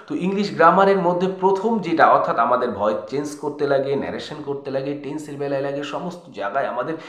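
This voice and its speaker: Bengali-accented teacher, echoey room. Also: male voice, mid-range voice, fast talker, fairly bright tone. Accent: West Bengal Bengali. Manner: asks the class questions and answers them himself. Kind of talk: grammar lesson in Bengali.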